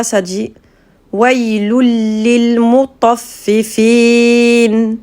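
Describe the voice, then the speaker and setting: A woman teaching Quranic letters step by step, patient and clear, spelling out sounds slowly and distinctly. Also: medium pitch, a little mellow.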